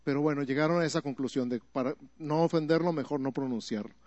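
A man's voice: a little high, fast, darkish tone, no echo, lo-fi sound. A man preaching a sermon in a teaching manner, asking the listeners questions and building up emphatic repeated phrases. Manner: rises to emphatic repetition.

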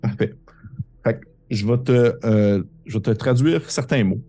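Québécois guy running a tabletop game, mellow dark voice, rambles and trails off with lots of euhs. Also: mid-range voice. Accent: Québécois French. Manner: rambling, halting explanations full of fillers. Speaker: game master.

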